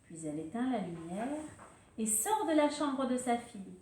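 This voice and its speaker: A woman reading a picture book aloud to children, slow, gentle and expressive. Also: on the high side. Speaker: storyteller. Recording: very echoey room, faint noise.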